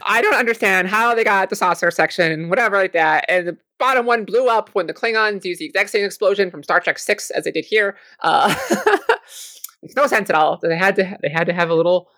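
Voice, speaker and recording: Podcast co-host, casual chat, mid pitch, dry sound, chatty, laughs easily. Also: lively intonation, fairly quick, fairly bright tone, dry recording.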